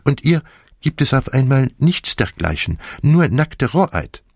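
A man's voice: mid-range voice, big pitch swings, a little slow, vocal fry, dry recording, clean studio sound, voice pushed up, heavily acted. A man voicing a fussy, theatrical older male detective in an audiobook, talking dramatically and dropping French phrases. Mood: earnest reasoning. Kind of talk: audiobook character voice.

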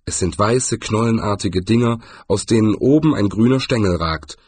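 A man's voice: lowish voice, moderate pace, a little mellow, slightly rough, no echo. A man voicing a nervous, put-upon male wizard who talks in a hesitant, wary way in an audiobook. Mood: musing.

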